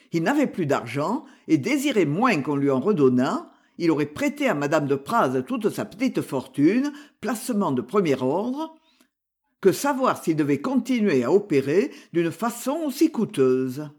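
A reader narrating a detective novel in a measured, expressive way. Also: mid-range voice, breathy edge.

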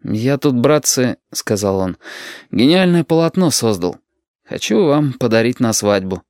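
A man's voice: medium pitch, sing-song, measured pace, a little mellow, no echo. Man reading a mild tired young artist guy, dry close sound.

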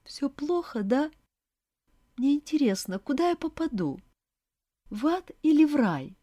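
A plaintive, whimpering young woman played by a woman reader in a storybook reading, sure she is dying. Her voice climbs high and moves around a lot, and it sounds dry and close. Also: very animated, measured pace, dark tone, no echo. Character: whiny self-pitying young woman, a hypochondriac.

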